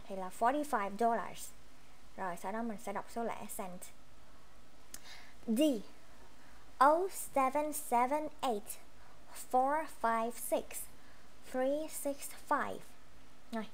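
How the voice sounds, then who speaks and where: Vietnamese-accented woman, English teacher, unhurried and deliberate, reads each number out carefully. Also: on the high side. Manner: slow, careful reading of English numbers and sentences. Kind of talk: online English lesson, mixing Vietnamese and English.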